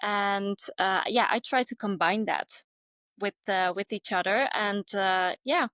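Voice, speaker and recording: A woman's voice: mid-range voice, a little slow, a bit bright, no room sound. A woman in her thirties from the Netherlands, a guest chatting casually with lots of fillers. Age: 30s. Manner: chatty, many fillers like um and yeah. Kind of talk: casual interview chat.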